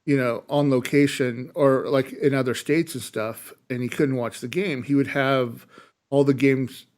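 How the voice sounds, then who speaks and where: A man's voice: medium pitch, fairly even intonation, darkish tone. A man co-hosting a podcast, telling stories in casual chat with frequent fillers and restarts. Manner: storytelling, halting with fillers. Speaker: podcast co-host.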